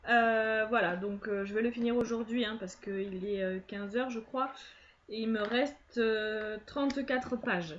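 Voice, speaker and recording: A woman's voice: fairly high pitch, unhurried, a little hiss or hum. A young woman chatting to camera about books, full of hesitations and fillers. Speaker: book vlogger. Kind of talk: casual chat to camera. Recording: dull lo-fi sound.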